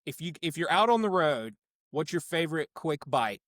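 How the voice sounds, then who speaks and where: A man's voice: on the high side, sing-song, normal speed, a bit bright, dry recording, clean studio sound. Upbeat laughing podcast host man. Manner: upbeat, laughs often, friendly filler talk. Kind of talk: casual podcast interview.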